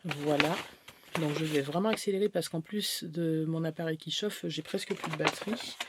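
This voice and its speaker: A woman's voice: low-pitched, normal speed, noisy background. A woman beauty vlogger chatting through a haul video, rambling and hesitant as she shows items one by one.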